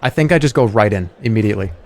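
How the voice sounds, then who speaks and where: A man's voice: on the low side, expressive, racing, vocal fry, a little mellow. A man reading game narration aloud on a livestream in a playful, theatrical way. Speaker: game streamer.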